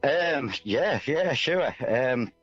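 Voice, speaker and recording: A man with a mid-range, expressive voice speaks very slowly as a musician guest in a casual radio interview, rambling and self-deprecating. The audio is dull and muffled, with music underneath.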